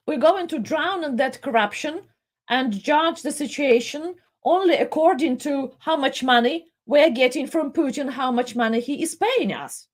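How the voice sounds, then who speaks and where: A middle-aged woman from the Soviet Union presenting live commentary, speaking with emotion and pausing and repeating words as she goes. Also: high-pitched.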